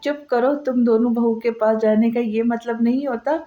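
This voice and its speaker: A loving middle-aged mother, voiced by a female narrator scolds gently and calmly. The voice is a little high. The recording is dull and lo-fi. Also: normal speed, close to an everyday voice. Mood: gentle.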